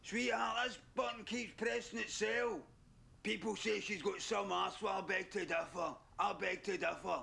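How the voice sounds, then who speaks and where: A man playing a brash middle-aged Scottish woman, a former junkie, in a comedy sketch, with a raspy voice and a blunt, defiant ramble. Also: sits high, steady tone, moderate pace, pushed and bright, pitched above the performer's own voice, exaggerated voice. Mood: indignant. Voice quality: raspy, gravelly.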